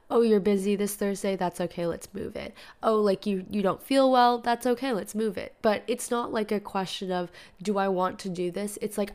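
With a smooth, mid-range voice, a young podcast host talks on her own show in a relaxed, chatty way. Her nose is stuffy and her throat sore, and "like" and "you know" keep popping up.

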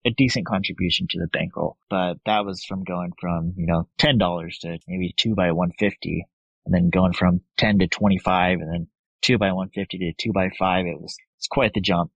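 Low-voiced laid-back man telling a story. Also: fairly even intonation, fairly quick, creaky, breathy edge, dry recording, dull audio. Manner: laid-back, quotes people in higher voices, laughs often. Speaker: podcast guest, blackjack player. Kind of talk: casual storytelling chat.

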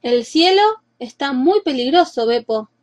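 A woman voicing a clumsy, absent-minded witch who talks in a quick, complaining way. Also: high voice, animated. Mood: fretful.

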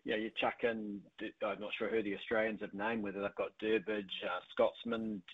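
A man's voice: fairly low pitch, level tone, fairly quick, husky, phone-quality sound. A man giving enthusiastic, conversational analysis as a cycling commentator. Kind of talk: casual interview analysis.

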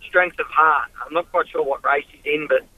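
A fairly high-voiced Australian man speaks over a dry, narrow phone line. He is a racing driver giving a casual interview, with the laid-back, matey talk of a working bloke. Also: steady tone, moderate pace, no room sound. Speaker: harness racing driver and guest.

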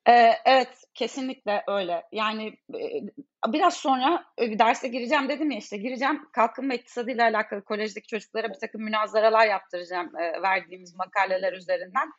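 A young woman, an economics lecturer, talking in a casual discussion in an exasperated, animated way with many fillers. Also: fairly high pitch, fast talker, highs cut off.

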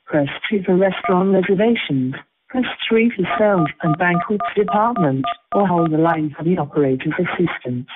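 A recorded phone message voice reading an automated menu of options in a slow, formal delivery. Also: medium pitch, expressive. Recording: tinny phone line with faint hiss.

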